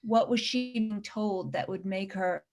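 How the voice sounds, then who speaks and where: A woman's voice: mid-range voice, unhurried, darkish tone. A woman documentary director answering interview questions earnestly, often restarting her sentences.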